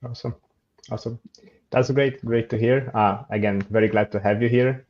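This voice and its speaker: Male co-host, monotone, low, hesitant, muffled lo-fi sound. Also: normal speed, a little hiss or hum. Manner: repeats words, hesitant phrasing. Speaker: podcast co-host. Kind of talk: casual podcast conversation. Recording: dull lo-fi audio.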